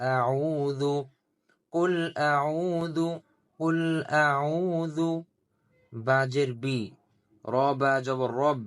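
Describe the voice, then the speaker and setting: A medium-pitched male voice teaches Quran recitation slowly, letter by letter. He spells out the letters and vowel marks, repeats syllables slowly, and chants the verses in a long, melodic style.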